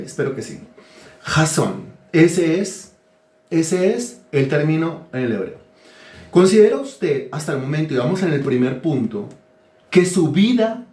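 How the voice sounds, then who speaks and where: A man's voice: on the high side, a little mellow, roomy sound. A man preaching a teaching sermon, asking his listeners questions and telling them what to write down. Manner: asks the congregation questions and dictates words to write. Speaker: pastor.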